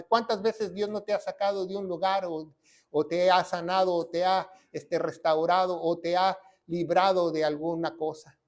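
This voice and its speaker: A man preaches a sermon in a notably high voice. He tags his points with rhetorical questions and lifts into sudden loud emphasis. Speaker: pastor.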